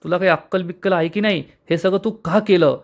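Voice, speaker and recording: A man voicing an angry middle-aged aunt while retelling a TV serial episode, scolding in a sharp manner. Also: sits high, brisk.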